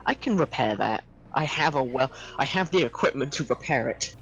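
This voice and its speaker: A man's voice: mid-range voice, lively intonation, moderate pace, creaky, a crowd in the background, rough recording. A man playing a tabletop roleplaying game, talking casually in and out of character. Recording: music playing behind the voice.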